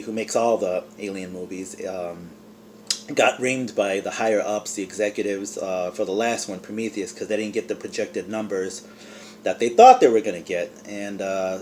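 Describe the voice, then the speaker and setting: A man's voice: fairly low pitch, a little mellow. Guy chatting casually bout a movie, lots of ums, bit of faint noise behind. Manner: rambling, full of fillers and restarts; eating and talking with mouth full. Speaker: movie reviewer. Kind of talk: casual chat to camera.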